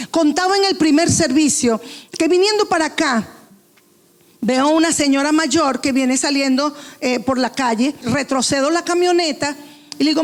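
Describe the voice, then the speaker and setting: High-voiced woman preaching. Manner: storytelling with quoted dialogue; emotional, passionate preaching. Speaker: pastor. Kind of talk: sermon.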